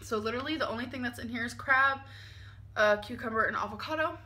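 Quick-paced and bright, her high-leaning voice carrying a forceful tone, a woman in her twenties vlogs a grocery haul from her home kitchen late at night. Tired and giggly, she chats casually while unpacking each item.

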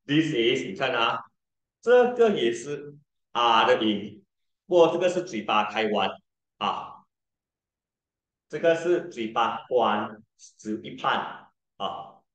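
Man, pronunciation tutor, slow patient delivery, drawn-out vowels, echoey room. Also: mid-range voice, sing-song, a bit bright. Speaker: English pronunciation teacher. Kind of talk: tutoring lesson, mixing Mandarin and English.

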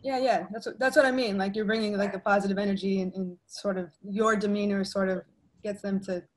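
A woman reporter asking a question in a halting way, restarting her sentences. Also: mid-range voice, steady tone, poor audio. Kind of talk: press conference question.

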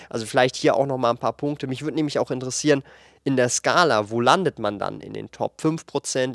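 A finance YouTuber in his late twenties speaks frankly into a handheld mic in an indoor studio lined with shelves of collectibles. He explains numbers casually to camera, lively and thinking aloud with fillers, in a mid-range voice with no room sound.

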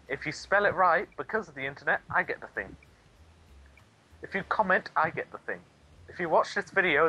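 Bright-voiced joking young man. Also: fairly high pitch, a little hiss or hum, poor audio. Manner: joking, playful. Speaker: co-host. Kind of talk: casual gaming commentary.

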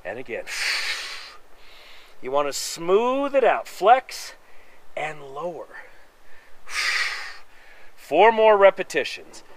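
A fitness instructor with a slightly high, somewhat nasal voice coaches a workout on an outdoor wooden deck surrounded by pine trees. He speaks slowly with frequent pauses, yet stays energetic, counting reps and tossing in joking asides as he exercises.

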